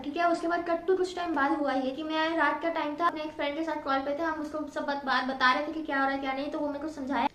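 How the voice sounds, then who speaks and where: A young woman telling a personal story in a casual vlog, animated, mixing Hindi and English and imitating others. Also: very high voice, echoey room, a little hiss or hum. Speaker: storytime vlogger.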